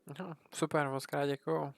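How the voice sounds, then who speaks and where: A man's voice: a little high, fairly even intonation, moderate pace, no room sound. A man chatting casually to viewers as a game streamer. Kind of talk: casual livestream chat.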